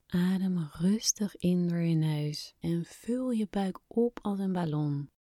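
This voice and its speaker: A woman guiding a relaxation exercise in a soft, breathy, soothing near-whisper, like a spa meditation. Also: fairly low pitch, slow pace, no room sound, clean studio sound. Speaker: podcast host, relaxation guide.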